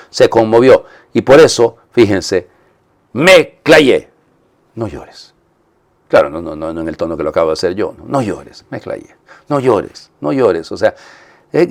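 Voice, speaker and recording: A priest preaching a homily in a low, deep voice. He explains things conversationally, pausing on fillers and checking in with his listeners, and he lifts his voice to stress key words. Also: a little mellow. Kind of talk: weekday homily.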